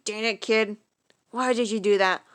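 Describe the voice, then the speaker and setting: A woman reading out the lines of a gruff grown man just woken from a coma, in a fan-made audio story. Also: mid-range voice, fairly even intonation, normal speed, lightly acted. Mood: grumbling.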